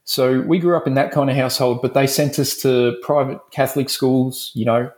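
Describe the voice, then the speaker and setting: A man's voice: medium pitch, steady tone, moderate pace, a little mellow. An Australian man from Melbourne, a dentist guest speaking in a frank, rambling way in a casual interview.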